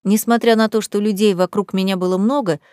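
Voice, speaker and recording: A woman in her sixties reading a first-person audiobook in a calm, measured storytelling manner. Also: mid-range voice, dry recording, studio quality. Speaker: audiobook narrator.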